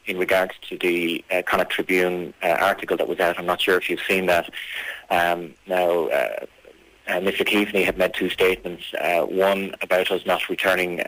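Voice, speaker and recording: A man being interviewed on radio as a campaigner, speaking formally and insistently, with halting phrasing. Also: deep voice, fairly bright tone, rough recording.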